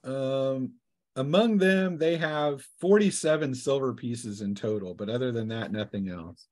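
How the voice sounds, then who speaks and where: The game master here is a man with a medium-pitched, a little mellow voice, casually narrating scenes and rulings for a tabletop role-playing game. At times his delivery turns halting.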